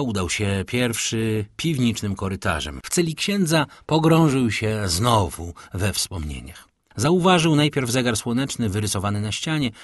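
A man narrating a classic novel in a steady, measured reading. His voice is low and husky, recorded dry and close with no room sound. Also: no room sound. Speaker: audiobook narrator.

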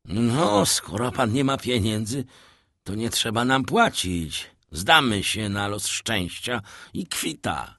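A man voicing a rough, plainspoken old sailor who speaks in a raised, pleading tone. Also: fairly low pitch, big pitch swings, takes it slowly, a bit bright, no echo, clean studio sound, full character voice. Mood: dismayed.

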